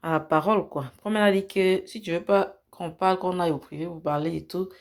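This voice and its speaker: A woman's voice: fairly low pitch, fairly even intonation, fairly quick. A woman, a vlogger recapping a reality show in a casual storytelling way. She acts out the people she retells and drops into English phrases.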